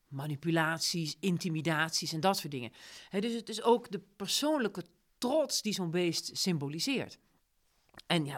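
Female discussion lead, low-ish voice, lively storyteller who acts out quotes. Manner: animated retelling, acts out quoted lines. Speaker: discussion leader. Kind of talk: casual book discussion.

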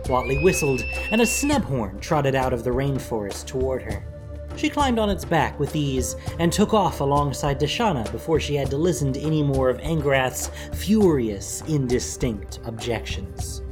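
Expressive storyteller narration, lively pitch, over a steady music bed. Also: normal speed. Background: background music.

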